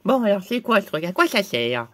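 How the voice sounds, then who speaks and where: A man voicing a squeaky, foul-mouthed little guy who bickers and swears in a comedy sketch. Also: sing-song, brisk, fairly bright tone, slight background noise. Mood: panicked. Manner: crude swearing, bickering back and forth.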